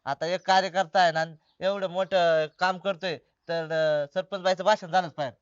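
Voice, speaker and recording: An actor playing a reassuring village helper coaching the sarpanch. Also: male voice, sits high, steady tone, moderate pace, clean tone, no echo, muffled recording, natural voice. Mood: recounting. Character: encouraging village helper man.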